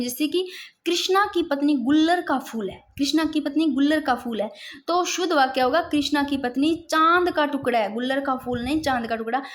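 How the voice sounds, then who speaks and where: A woman's voice: high voice, fairly bright tone. A woman teaching an exam-prep grammar lesson, explaining and repeating points to her students.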